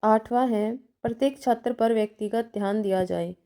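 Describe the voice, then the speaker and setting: Female lecturer, methodical, list-by-list delivery; pitched a little high, dark and mellow in tone. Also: moderate pace. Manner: methodical, enumerating numbered points with examples; checks in with "theek hai" between points. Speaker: teacher educator.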